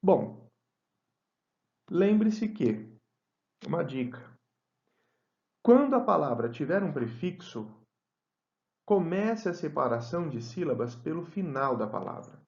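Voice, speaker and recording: A man gives a grammar lesson in a slow, measured voice, dictating example words one by one. His voice sits a little high for a man. The sound is dull and lo-fi, in a room that echoes. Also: big pitch swings, creaky, a little mellow. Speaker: teacher.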